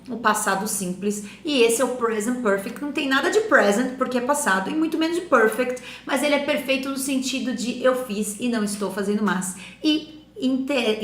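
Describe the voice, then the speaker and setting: A Brazilian woman with a Brazilian Portuguese accent, an English teacher giving an animated, emphatic lesson and slowing down to model English phrases. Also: a little high, reverberant. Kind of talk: lively classroom explanation.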